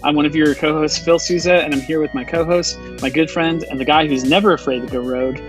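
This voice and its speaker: A man's voice: a little high, steady tone, fast, music in the background, poor audio. A man co-hosting a podcast in casual chat, rambling with many restarts. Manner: rambling, full of fillers and restarts. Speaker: podcast co-host.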